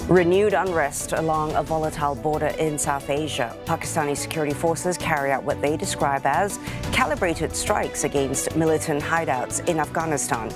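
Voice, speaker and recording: Low-voiced woman anchoring the news. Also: over music. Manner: brisk, steady delivery. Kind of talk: news reading.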